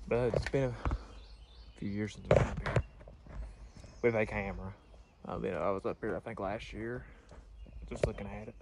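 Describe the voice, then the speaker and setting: A man's voice: fairly low pitch, fairly even intonation, normal speed, very noisy. A young man, vlogging casually on a phone he holds at arm's length, rambling and uneasy as he explores outdoors. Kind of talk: casual vlog narration. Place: outdoors in wooded yard by old house, later indoors. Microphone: phone held at arm's length.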